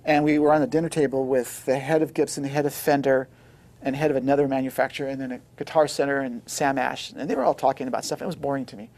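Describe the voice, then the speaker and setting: Fast-talking man spinning a studio story. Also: mid-range voice. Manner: lively anecdotal, acts out quoted dialogue. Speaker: record producer. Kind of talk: animated storytelling in conversation.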